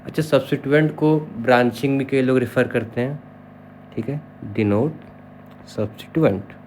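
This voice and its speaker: A man's voice: mid-range voice, a little slow, a little mellow, a little hiss or hum. A man teaching an online chemistry lesson, who spells terms out letter by letter and keeps checking in with his students. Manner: explanatory, checks in with repeated "okay".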